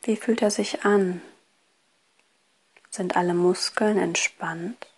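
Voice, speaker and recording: A woman guiding a relaxation exercise in a soft, partly breathy voice, with a soothing, hypnotist-like delivery. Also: lowish voice, steady tone, slow, rough recording. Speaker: relaxation course instructor. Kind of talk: guided relaxation, scripted instruction.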